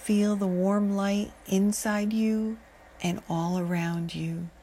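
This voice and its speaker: A woman guiding a meditation, speaking in a calm, soothing way with long pauses. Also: mid-range voice, a little hiss or hum. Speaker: meditation guide. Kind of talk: guided meditation narration.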